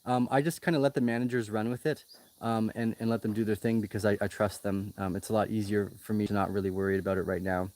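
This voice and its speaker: A man's voice: on the low side, fairly even intonation, fast, a little mellow, no echo. A man in his thirties hosting a casual livestream Q&A outdoors, talking loosely with lots of ums and restarts. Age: 30s. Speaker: livestream host. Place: outdoors in the jungle. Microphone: laptop mic.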